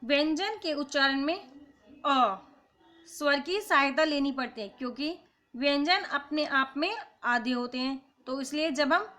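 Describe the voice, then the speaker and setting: Woman teacher w/ a high bright voice, talks slow and careful, sounding out letters for kids. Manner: slow, deliberate explanation, spelling out sounds one by one. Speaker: school teacher. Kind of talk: classroom grammar lesson.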